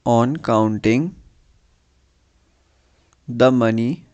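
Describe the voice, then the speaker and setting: A man giving an English dictation as a teacher, reading deliberately phrase by phrase and repeating phrases. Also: mid-range voice, darkish tone, muffled recording.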